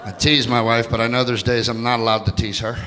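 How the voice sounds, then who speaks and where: A middle-aged man doing a stand-up comedy set on a theater stage, loud and jokey, jumping into high mocking voices for the people he quotes. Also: flat delivery, fast, background noise. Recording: live show in a big hall, loud crowd laughter.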